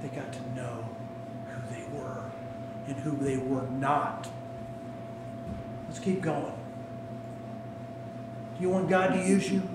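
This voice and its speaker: A male pastor preaching a sermon, animated and swinging between loud calls and hushed asides, recorded in a church sanctuary. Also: mid-range voice, takes it slowly, pauses often, heavy background noise. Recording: echoey room, mic at a distance.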